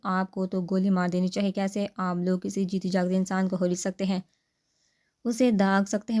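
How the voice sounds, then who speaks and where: A woman's voice: medium pitch, darkish tone, close to an everyday voice. A woman voicing a protective older woman who angrily accuses a man. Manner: accusing, scolding.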